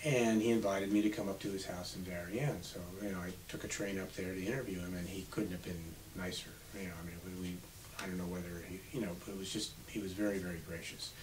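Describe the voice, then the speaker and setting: A man in his seventies, an author being interviewed on radio, telling unhurried stories from his past. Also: sits low, steady tone. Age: 70s. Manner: reminiscing, unhurried storytelling. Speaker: author guest. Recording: slightly distant mic with faint hiss.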